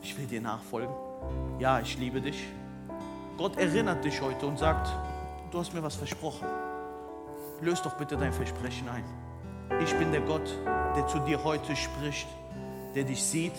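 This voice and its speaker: A man preaching a sermon, dropping to hushed near-whispers and rising to loud, emphatic questions. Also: fairly high pitch, a little slow, long pauses. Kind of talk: sermon with soft piano. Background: soft instrumental music.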